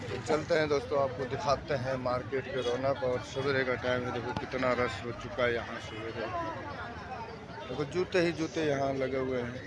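A man's voice: mid-range voice, steady tone, normal speed. A man filming a walking tour of a crowded outdoor market on his phone, talking to viewers, repeating himself as he praises the goods. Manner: chatty, repetitive, hawks quality to viewers. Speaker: vlogger. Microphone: handheld phone. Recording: loud crowd noise all around.

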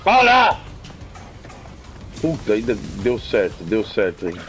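Homem com sotaque brasileiro reclamando em voz alta enquanto joga, entonação muito expressiva e ritmo pausado. Gritos de desespero surgem a cada morte. Por trás, a trilha do game soa suave. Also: male voice, mid-range voice, expressive. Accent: Brazilian Portuguese. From Brazil. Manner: exasperated, swings into loud cries of despair. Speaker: gameplay streamer. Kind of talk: gameplay commentary in Portuguese and English. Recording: game music faintly behind.

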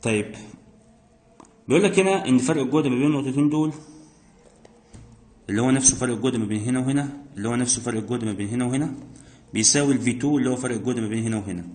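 This physics teacher has an Egyptian Arabic accent and a medium-pitched, slightly mellow voice that races along between long pauses. He works exam problems step by step, posing questions to himself and answering them, with a roomy echo on the recording.

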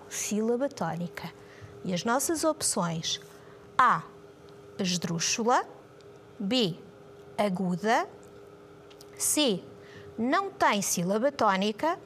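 A woman teacher with a European Portuguese accent, running a quiz game for young pupils, lively and encouraging, asking questions and answering them herself. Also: a little high, slight background noise. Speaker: primary school teacher. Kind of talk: online language lesson with a quiz game. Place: home or studio, recorded alone.

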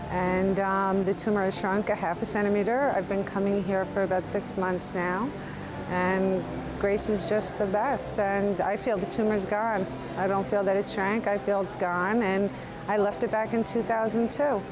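A woman's voice: mid-range voice, little pitch movement, normal speed, noisy background. A woman in the congregation giving an earnest testimony about being healed. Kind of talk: healing testimony. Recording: music playing underneath.

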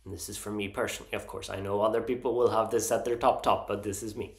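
A man vlogging casually about songs he likes, earnest and enthusiastic, often pausing with ums and restarting his sentences. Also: lowish voice, fairly even intonation, reverberant. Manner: hesitant, frequent ums and restarts. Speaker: Eurovision vlogger ranking songs. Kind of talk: casual opinion vlog.

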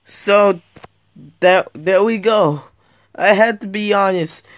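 A woman hosting a reaction video, speaking slowly and earnestly in casual commentary. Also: mid-range voice, heavy background noise. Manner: slow, earnest, plain-spoken.

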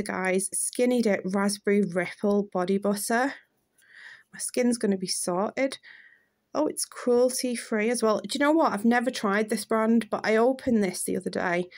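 A woman in her thirties talks straight to her viewers in a chatty, gushing way. Her voice sits at an ordinary middle pitch for a woman. She sounds excited about every item she picks up. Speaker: beauty vlogger. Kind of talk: casual unboxing chat to camera.

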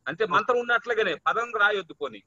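A man teaching Vedic chanting in an online class, chanting slowly and talking fast between chants. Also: high voice, lively intonation, sharp tone, no echo, dull audio. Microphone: video call.

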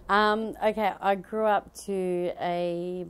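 A woman's voice: mid-range voice, fairly even intonation, takes it slowly, smooth. A woman in her thirties with an Australian accent, answering interview questions chattily in a dress shop, laughing easily and restarting sentences. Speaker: comedian and fashion designer. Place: bridal dress shop, indoors. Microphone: handheld mic held by interviewer.

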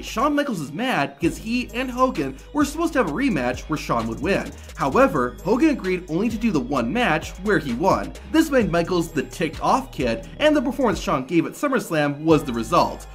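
Male countdown narrator, animated delivery, slightly high voice, light music underneath. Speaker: narrator of a wrestling countdown video.

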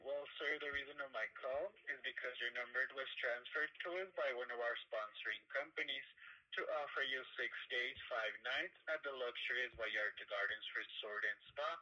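A man working as a telemarketer, delivering a formally polite scripted sales pitch over a muffled telephone line. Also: pushed and bright. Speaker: telemarketing caller.

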